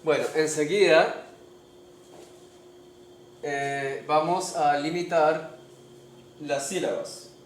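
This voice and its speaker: A man teaches a spelling lesson in a slow, deliberate way, stopping often to check that his listeners follow. His voice sits a little high for a man. The room is echoey, with a faint hiss of noise behind him. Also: fairly even intonation. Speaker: language teacher.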